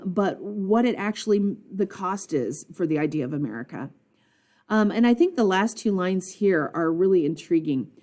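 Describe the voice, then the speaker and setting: In a recorded lesson, a woman teacher annotates a poem aloud, thinking out loud with frequent ums and putting questions to her students. Her voice is lowish.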